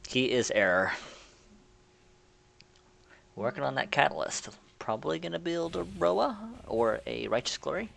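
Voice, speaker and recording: Male co-caster, gravelly voice with lots of fry, relaxed and easygoing. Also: mid-range voice, measured pace, pauses often. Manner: relaxed, easygoing, laughs often. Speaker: esports co-caster. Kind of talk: color commentary.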